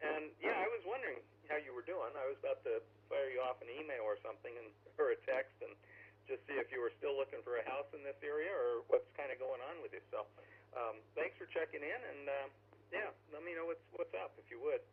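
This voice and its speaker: A man's voice: mid-range voice, brisk, breathy edge. A man with a chatty, folksy manner hosts a casual amateur radio net like a pirate radio broadcast, heard over a two-way radio. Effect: two-way radio transmission. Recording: tinny narrowband radio transmission, faint hum.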